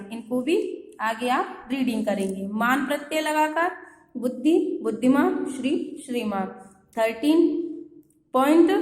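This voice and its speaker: A woman with a high voice teaches a classroom grammar lesson. She works patiently through lists of example words and often checks in with the children. Her voice rings in a roomy space with a long reverb tail. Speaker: school teacher. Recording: echoey room with long reverb.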